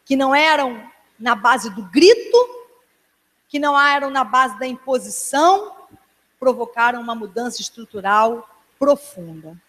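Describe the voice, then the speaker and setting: Woman pastor giving a sermon, earnest, a bit high voice, long echo off the church hall. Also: expressive, measured pace. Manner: earnest, emphatic preaching with softer, hushed passages.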